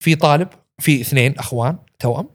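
A man, a podcast guest who tells animated stories, acts out quotes and laughs often. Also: on the high side, fast talker, husky. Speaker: podcast guest, actor and writer. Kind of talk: casual storytelling chat.

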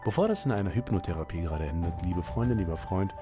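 A man hosting a motivational sales-coaching podcast, talking energetically and emphatically, swinging between loud bursts and quiet, low asides. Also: animated, quick pace, over music.

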